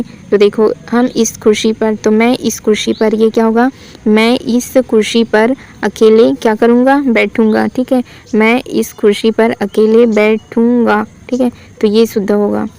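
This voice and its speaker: Woman, teacher, grammar exam practice, asks and answers her own questions, slightly high, even tone. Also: a little hiss or hum, low-quality recording. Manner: asks questions then answers them herself; reads sentences slowly and corrects them. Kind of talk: exam-prep grammar lesson.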